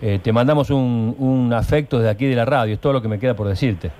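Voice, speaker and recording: A man with an Argentine accent hosting a radio interview, speaking haltingly with many pauses and restarts. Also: mid-range voice. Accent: Argentine Spanish. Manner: halting, full of fillers and restarts, gentle. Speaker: radio host.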